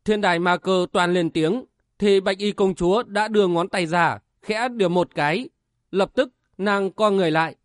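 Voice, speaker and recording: A man's voice: sits high, normal speed, no room sound, studio quality. A man narrating a martial-arts novel as an audiobook with vivid, dramatic storytelling.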